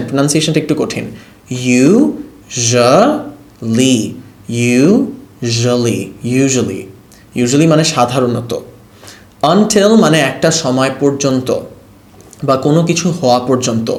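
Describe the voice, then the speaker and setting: A man teaching English to beginners. He says English words slowly and clearly, then explains them quickly in Bengali. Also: mid-range voice. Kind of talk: video lesson for beginners. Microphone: laptop setup. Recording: roomy echo.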